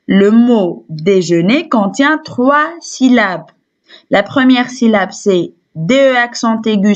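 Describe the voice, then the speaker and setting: Slow, deliberate teacher woman, Tunisian French. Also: medium pitch, dull audio. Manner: slow and deliberate, repeats syllables several times. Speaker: primary school teacher. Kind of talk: slow phonics lesson for young children.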